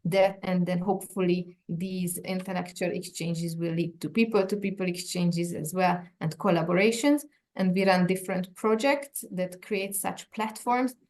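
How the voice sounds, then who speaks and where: Woman running a zoom meeting, lowish gravelly voice, polite, kinda procedural. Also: fairly even intonation, moderate pace, darkish tone. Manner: polite, procedural, with some fillers. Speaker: education department director, meeting chair. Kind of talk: video call meeting, chairing introductions. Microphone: video call.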